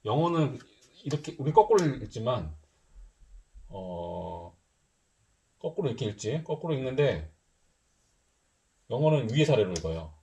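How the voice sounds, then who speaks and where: A man's voice: mid-range voice, sing-song, measured pace, long pauses, warm tone. A middle-aged man teaching a middle school math lesson in a casual style, thinking aloud and mixing polite and casual speech. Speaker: math tutor.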